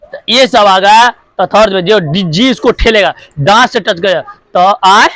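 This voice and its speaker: A man's voice: high voice, unhurried, a bit bright, dry recording. A male teacher giving a grammar lesson, repeating each point and asking questions that he then answers himself. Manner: repetitive, asks and answers his own questions; drills sounds one by one.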